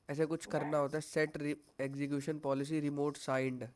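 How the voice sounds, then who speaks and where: Young male coding instructor, fairly high voice, patient and reassuring, live class over a call mic. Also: a little mellow. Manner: patient, reassuring, mixes English tech words into Hindi.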